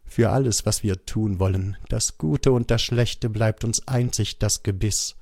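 A man's voice: on the low side, unhurried, gravelly, darkish tone, no room sound, clean studio sound. A man voicing an old male jackal who pleads in a lamenting tone. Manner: lamenting, imploring.

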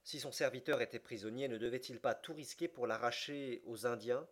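A man narrates a classic adventure novel in an audiobook. He reads steadily and slows down for the dramatic passages. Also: medium pitch.

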